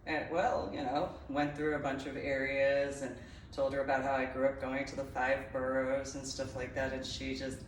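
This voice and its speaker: A woman's voice: extremely low pitch, little pitch movement, normal speed, a little hiss or hum. A woman from New Jersey telling a meandering personal story in casual talk, laughing often at herself. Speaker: vlogger telling personal stories. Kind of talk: casual rambling anecdote. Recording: roomy echo, voice far from mic.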